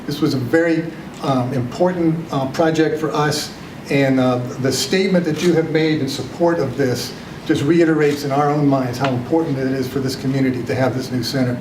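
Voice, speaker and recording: A man's voice: medium pitch, fairly even intonation, fairly quick. Heartfelt older man giving thanks. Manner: heartfelt, hesitant with ums. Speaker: college vice president. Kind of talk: ceremony thank-you speech. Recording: echoey room from far off, noisy.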